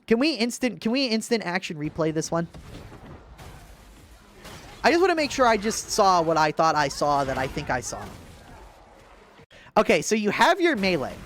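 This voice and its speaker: A man's voice: sits high, slight background noise. A young man giving casual, sarcastic commentary while reviewing gameplay, exasperated and swearing.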